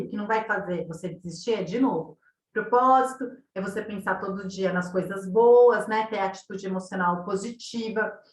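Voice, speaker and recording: A woman's voice: on the high side, a bit bright. A woman with a Brazilian Portuguese accent gives a casual, conversational masterclass as a running coach, often tagging her sentences with questions to the listeners. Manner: conversational, tags sentences with questions, acts out quoted thoughts. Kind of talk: online masterclass talk. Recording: roomy echo, distant from mic.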